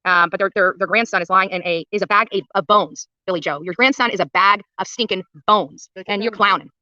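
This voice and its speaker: Her voice sits in the mid range here, fairly quick, pushed and bright, captured dry and lo-fi. Streaming live from the street protest, she swings between casual chat and furious commentary, indignant and blunt, swearing and hammering the same phrases for emphasis.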